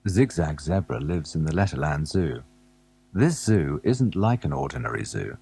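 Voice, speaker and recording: A man narrating a children's alphabet storybook, gently asking the young listener questions as he goes. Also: rumbling low, very animated, moderate pace, creaky, husky.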